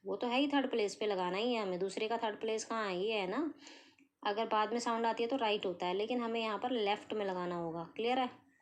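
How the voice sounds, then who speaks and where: A woman teaching shorthand step by step, asking questions and answering them herself, sounding out letters slowly. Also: medium pitch. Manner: explains patiently, asks and answers her own questions, sounds out letters slowly. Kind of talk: step-by-step tutorial.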